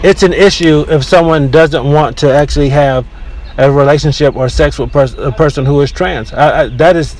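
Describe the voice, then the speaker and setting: A man with a somewhat high voice talks his way through a casual podcast monologue from the seat of a car. He is opinionated and rambles, often restarting his sentences. The recording is low quality, with a faint hum of background noise from the car and street. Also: a little mellow, rough recording. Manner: talkative, opinionated, with frequent restarts. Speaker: podcast host. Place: inside a car near a beach.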